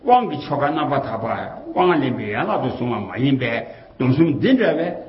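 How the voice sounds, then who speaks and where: A man's voice: mid-range voice, very animated, a little fast. Rambling man in a roomy, dull recording. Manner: rambling and repetitive, often circling back to the same phrases; colloquial, with frequent fillers and rhetorical questions. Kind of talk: casual rambling talk.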